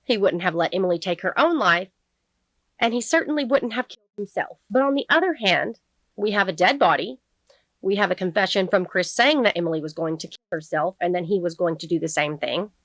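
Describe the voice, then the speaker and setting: A woman voicing a sharp, relentless female prosecutor who presses a witness with pointed, needling questions. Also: fairly low pitch, lively intonation, fairly quick, no room sound. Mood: pressing. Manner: pointed, needling cross-examination.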